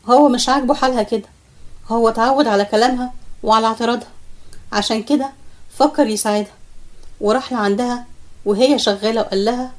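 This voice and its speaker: A woman with an Egyptian accent narrating a serialized romance story in a brisk, even manner. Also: a little high. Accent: Egyptian Arabic.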